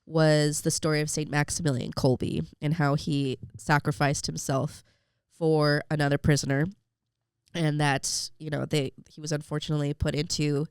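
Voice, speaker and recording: A woman's voice: deep voice, level tone, normal speed, smooth, dry recording, clean studio sound. A young woman telling a heartfelt personal story as a podcast guest, with lots of "like" and fillers. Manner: emotional storytelling with many fillers. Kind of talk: personal faith story in an interview.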